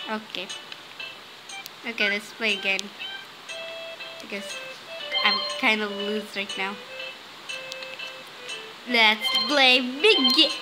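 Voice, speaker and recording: Excitable woman gaming host, unhurried, squealy outbursts over game music. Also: mid-range voice, rough recording. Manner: excitable, bursts into squeals and complaints while playing. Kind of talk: casual game commentary.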